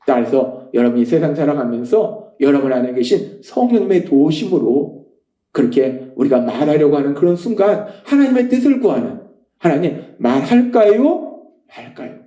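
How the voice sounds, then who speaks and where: A middle-aged man preaching a sermon as pastor, emphatic and passionate, dropping to hushed tones when quoting. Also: on the high side, big pitch swings, a little fast. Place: church sanctuary. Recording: echoey church hall.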